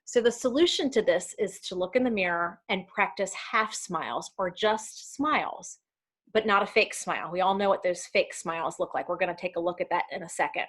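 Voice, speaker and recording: A woman's voice: on the low side, brisk, fairly bright tone. A woman leading a virtual workplace training, talking casually with ums and self-corrections as she walks through slides. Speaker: community education trainer. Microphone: video call.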